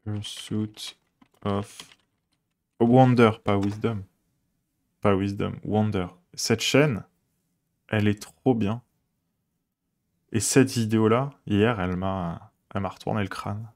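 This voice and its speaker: Low gravelly-voiced man coding live. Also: slow, long pauses. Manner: relaxed, rambling, many fillers, chuckles often. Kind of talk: casual live-coding stream chat.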